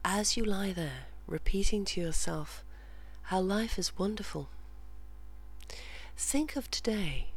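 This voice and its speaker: A person softly delivering guided relaxation and verse in a soothing, measured way, slipping in and out of a whisper. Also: mid-range voice, expressive. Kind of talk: slow guided relaxation and soft poetry reading, often whispered. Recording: clearly audible hum and background noise.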